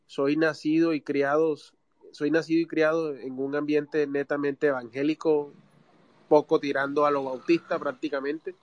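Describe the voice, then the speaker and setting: A man's voice: on the high side, level tone, normal speed, no room sound, muffled recording. A man in his thirties with a Colombian Caribbean coast accent, calling in to a live audio talk with many hesitant fillers. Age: 30s. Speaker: caller. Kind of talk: live audio space call-in.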